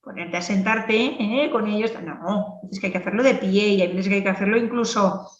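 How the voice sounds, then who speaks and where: Woman clinician lecturing, lively and explanatory, echoey dull recording. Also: mid-range voice, normal speed, distant mic. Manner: lively, explanatory, many tag questions. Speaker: speech therapist lecturer.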